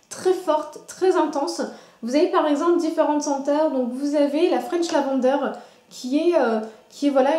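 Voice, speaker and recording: A woman's voice: sits high, dark tone, reverberant. A woman vlogger chatting casually through a product review, gushing and repeating herself with many fillers. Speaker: beauty vlogger.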